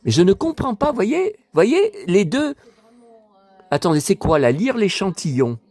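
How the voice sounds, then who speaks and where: A man casually vlogging about collector books, excitable and rambling, talking straight to his viewers. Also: high-pitched, a little slow, no echo.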